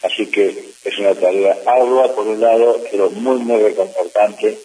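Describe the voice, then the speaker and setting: A middle-aged man, a district governor of a service club, answering press questions in a measured way with frequent hesitations. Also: on the low side, steady tone, mellow. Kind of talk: press interview. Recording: distant mic with faint hiss.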